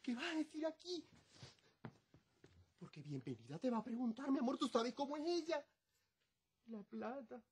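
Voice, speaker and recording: A man's voice: very high voice, sing-song, moderate pace, pauses often, a little hiss or hum. An actor playing a caring, fussy male friend in a telenovela, with a soothing manner. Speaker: soap opera character. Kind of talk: telenovela acting.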